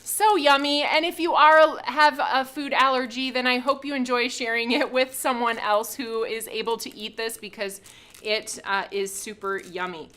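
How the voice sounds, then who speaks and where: A woman's voice: on the high side, steady tone, normal speed, sharp tone. A woman hosting a live craft product reveal, chatty and upbeat, laughing often as she shows items. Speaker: craft shop host.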